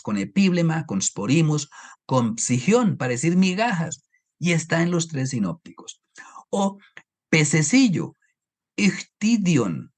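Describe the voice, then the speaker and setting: A man from Colombia with a highland Colombian accent, giving an online Bible lecture over slides, explaining step by step and asking his listeners rhetorical questions. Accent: Colombian highland Spanish. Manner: explanatory, asks rhetorical questions and checks understanding.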